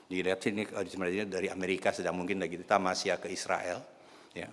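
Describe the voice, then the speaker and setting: A man's voice: low voice, little pitch movement, quick pace, fairly bright tone. A man preaching a sermon, telling a story animatedly and addressing the congregation directly. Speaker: pastor. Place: church. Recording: reverberant church hall.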